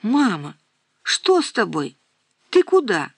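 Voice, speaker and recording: A woman's voice: medium pitch, huge pitch swings, takes it slowly, breathy edge, dry recording, exaggerated voice. Woman reading as a defiant young daughter. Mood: frightened. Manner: petulant, defiant. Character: defiant sleepy teenage-to-young-adult daughter.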